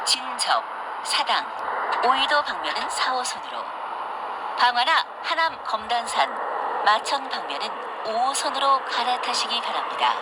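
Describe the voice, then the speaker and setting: A woman's prerecorded train station announcement plays over the speaker inside a moving subway car. Her voice sits a little high and moves with a lively, sing-song lilt. She delivers each phrase slowly and politely, nearly buried in the loud rumble of the train. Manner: slow, even, polite announcing cadence. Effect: prerecorded train station announcement over the onboard speaker. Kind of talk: formal announcement.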